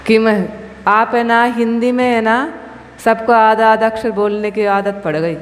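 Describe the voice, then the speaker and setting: A woman's voice: on the high side, fairly even intonation, measured pace. A woman who is a Jain nun, leading a scripture recitation class and patiently correcting pronunciation syllable by syllable. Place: temple hall. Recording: long hall reverb, faint room noise.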